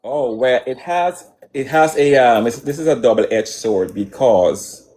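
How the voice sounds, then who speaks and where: A man from Guyana, a musician guest in a relaxed online interview, speaking through a computer mic on a call. His voice sits in a middle pitch. He talks haltingly, restarting phrases and filling gaps with ums before landing on his point. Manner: rambling, hesitant with many restarts. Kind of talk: casual interview answers.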